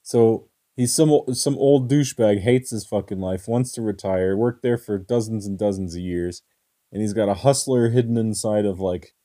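Young guy riffing on a podcast, low super dark voice, swears, makes up silly scenarios. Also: moderate pace. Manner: spins comic made-up scenarios, swears. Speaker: podcast co-host. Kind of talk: casual profane chat.

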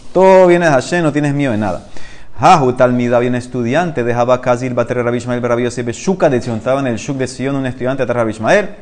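A man teaching a Talmud study class, reading the Aramaic text slowly and then explaining it in Spanish, often asking his listener questions. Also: medium pitch, a little mellow.

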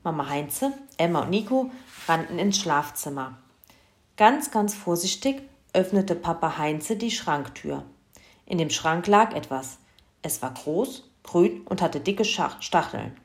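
A woman reading a children's Christmas story aloud in a lively, expressive way. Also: lowish voice.

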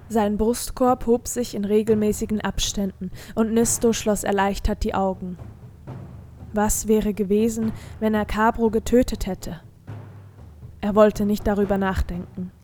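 A woman reading a fantasy audiobook in steady, scripted narration. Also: mid-range voice.

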